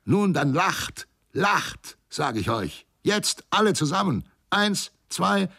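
A man voicing a feverish, raving old ship's mate who mocks and rants, his voice gravelly and breaking into shrill shrieks. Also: animated, normal speed, no room sound, studio quality, heavily acted. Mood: shrieking mockery. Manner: mocking, ranting, voice cracks into shrieks.

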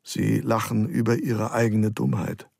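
A man's voice: lowish voice, little pitch movement, unhurried, creaky, a little mellow, breathy edge, dry recording, studio quality, full character voice. A man reading the inner thoughts of a weary, brooding traveler in a storybook.

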